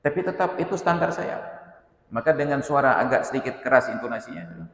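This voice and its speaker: A man's voice: medium pitch, fairly quick, gravelly, fairly bright tone. A man with an Acehnese accent preaching a sermon, stern and emphatic, telling stories. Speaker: Islamic preacher. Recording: echoey reverberant hall.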